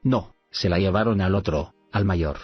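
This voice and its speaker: A man's voice: low-pitched, moderate pace, slightly rough, no echo. A man voicing a despairing, mournful male prisoner. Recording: dull lo-fi recording, faint music.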